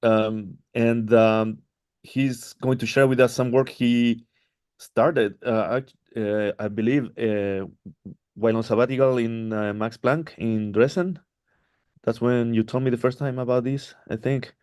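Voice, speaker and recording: A man's voice: mid-range voice, steady tone, measured pace, darkish tone, clear, resonant tone, no room sound. A man hosting an online seminar, introducing the speaker with many hesitant ums and uhs. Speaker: seminar host. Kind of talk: introducing a speaker over a livestream.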